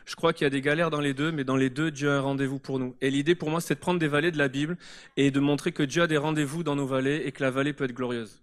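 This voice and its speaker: A man answers questions as a guest author during a church service. His voice is on the higher side for a man, and he explains his thoughts earnestly and reflectively in front of the congregation. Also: fairly even intonation, fast talker, a little hiss or hum. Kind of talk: live church interview.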